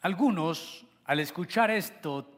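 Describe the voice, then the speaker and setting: A man delivers a sermon from the pulpit, unhurried and deliberate. His voice sits a little high for a man and rises and falls sharply in loudness as he presses his points with rhetorical questions. The sound rings with the long reverb of a large hall. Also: expressive. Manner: emphatic preaching with rhetorical questions, swelling and dropping in volume. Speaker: pastor.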